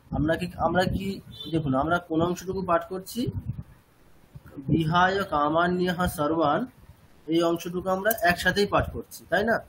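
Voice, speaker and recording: A man's voice: a little high, slight background noise, poor audio. A man with a West Bengal Bengali accent teaching Sanskrit chanting, asking rhetorical questions and repeating his points. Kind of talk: explaining lesson to students.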